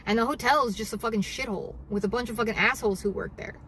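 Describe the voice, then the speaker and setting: A Southern California woman vlogs casually from her car during deliveries in a livestream, venting angrily about a bad hotel and swearing heavily. Her voice is a little high and a bit bright, she talks very fast, and there's a little hiss or hum.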